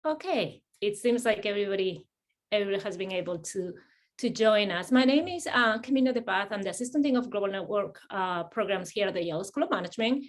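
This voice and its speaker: A middle-aged woman from Spain hosts an admissions webinar with a Spanish accent, talking fast in a friendly way. Her medium-pitched voice has lively intonation, and her presentation is full of fillers and restarts.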